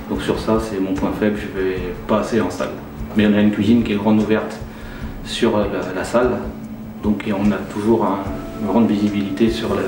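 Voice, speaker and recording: In an interview, a head chef at a care home, a man in his forties from Nantes in western France, speaks plainly and informally about his work in a fairly low voice. The recording is roomy and distant, with his voice under clear music playing in the background.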